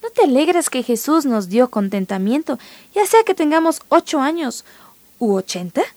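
Lively woman reading a children's Bible story. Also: high-pitched, normal speed. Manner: lively, warm teacherly storytelling. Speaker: children's radio program host.

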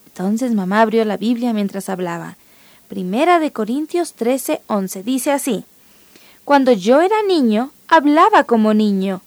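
A woman hosting a children's radio program, reading a story aloud and leading a Bible memory verse in a lively, teacherly way. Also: a little high, no room sound.

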